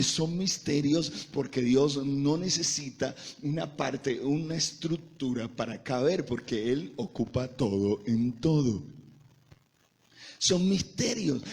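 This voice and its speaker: A man's voice: mid-range voice, creaky, breathy edge. A man preaching a sermon to a congregation in a church, impassioned and emphatic, having listeners repeat phrases after him. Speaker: pastor.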